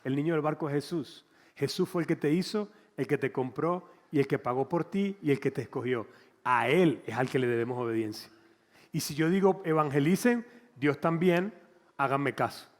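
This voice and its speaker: A man, a pastor preaching an animated, conversational sermon and acting out little scenes. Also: mid-range voice, moderate pace, big-room sound. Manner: animated, conversational, acts out quotes.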